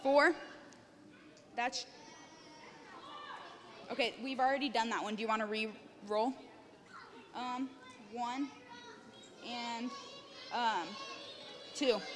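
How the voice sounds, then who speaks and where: A woman leading children at camp, upbeat and coaxing, reciting scripture slowly and loudly. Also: on the high side, steady tone. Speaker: kids' camp leader. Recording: long hall reverb, faint noise.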